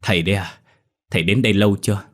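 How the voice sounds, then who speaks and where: A man's voice: lowish voice, steady tone, very fast, close to an everyday voice. A man voicing a rich old village man who wails in grief and barks orders at servants. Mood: dazed. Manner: loud wailing, barking orders.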